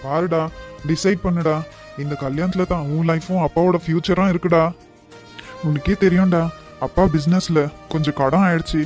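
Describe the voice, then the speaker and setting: A man voicing a worried, affectionate father in a cartoon, talking to his daughter in a soft, pleading way. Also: fairly high pitch, fairly even intonation, moderate pace, soft background music, close to an everyday voice. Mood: tender.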